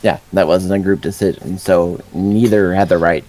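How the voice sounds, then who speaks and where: A man's voice: deep voice, fairly even intonation, moderate pace, dark tone, slight background noise. A man talking during a tabletop game, blunt and matter-of-fact. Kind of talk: in-character role-play discussion.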